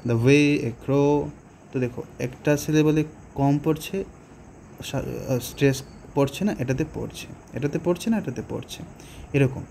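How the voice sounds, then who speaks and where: A man with a Bengali accent explaining a poem to students, slowly and patiently, with pauses and rhetorical questions. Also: medium pitch, mellow, slight background noise. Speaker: teacher. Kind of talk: poetry lesson explanation.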